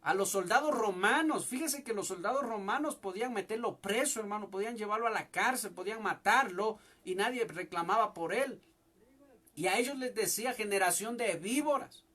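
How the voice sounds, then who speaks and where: A young man with a high, bright voice preaches a fervent sermon at a home church service, speaking briskly and forcefully. This young pastor often calls out to his listeners as "brother."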